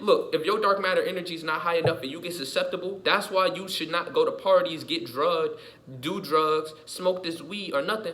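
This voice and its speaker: A man's voice: high-pitched, noisy background. A man giving an emphatic, repetitive vlog monologue, swearing often and circling back over his points. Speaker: vlogger. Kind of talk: casual monologue rant.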